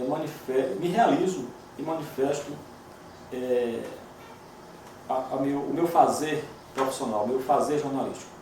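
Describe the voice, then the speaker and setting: A man, a journalist and lawyer, giving a measured, reflective documentary interview. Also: medium pitch, darkish tone, slight background noise. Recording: very echoey room, distant mic.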